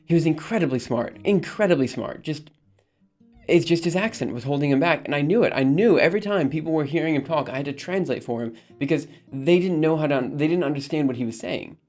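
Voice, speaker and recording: A man from Alabama hosts a livestream, talking briskly in a slightly high, expressive voice with a darkish tone while faint music plays. He chats casually with viewers, rambling, reading chat aloud and answering it, with frequent ums and laughs.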